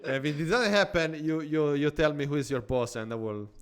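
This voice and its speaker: A man with an Italian accent hosting a podcast, chatting casually and jokingly, trailing off into quiet asides. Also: fairly high pitch, normal speed, clear, resonant tone. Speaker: podcast host. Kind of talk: casual interview chat.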